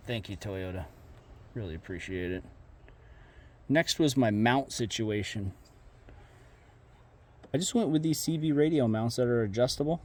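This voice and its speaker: A car modification vlogger walks through work on his own vehicle in a casual how-to, sounding plainspoken and folksy. His voice is mid-range with a darkish tone, and he trails off and restarts as he points things out. He's recorded outdoors on a camera mic while moving around.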